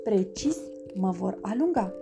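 A woman's voice: mid-range voice, lively intonation, vocal fry. A woman voicing a playful young male rabbit who speaks in sing-song rhymes in a storybook reading. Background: background music.

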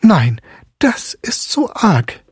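A man's voice: high-pitched, wildly swooping pitch, extremely slow, breathy edge, dry recording, studio quality, voice pushed up, exaggerated voice. A man voicing a fretful, well-to-do middle-aged mother who exclaims indignantly.

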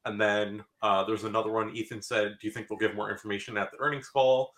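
A man co-hosting a casual podcast, relaying viewer comments in an animated, insistent way. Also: lowish voice, quick pace. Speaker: podcast co-host reading chat comments. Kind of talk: casual group chat.

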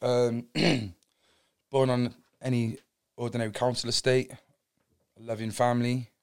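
In a Cardiff accent, a Welsh man in his thirties tells his life story as a podcast guest, open, earnest, and rambling. His mid-range voice is creaky yet smooth, delivered flatly at a measured pace.

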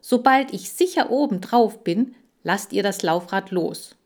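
A woman's voice: mid-range voice, animated, a little slow. A woman voicing a plucky, boastful male hamster who talks in a bold, cocky way. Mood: falsely cheerful.

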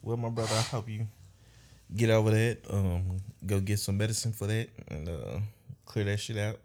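A man's voice: on the low side, moderate pace, a little mellow, slight background noise. A man co-hosting a casual podcast chat, speaking in a laid-back, profane way. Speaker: podcast co-host.

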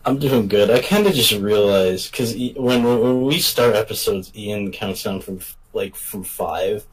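A young man from New York co-hosting a casual sports podcast, halting and stumbling over his words. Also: on the low side, breathy edge, low-quality recording. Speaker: podcast co-host.

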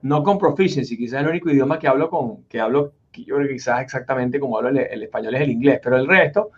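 A man with a medium-pitched voice talks fast while hosting a casual interview from his Florida home office, rambling through many restarts and fillers. It's recorded in dull, lo-fi audio.

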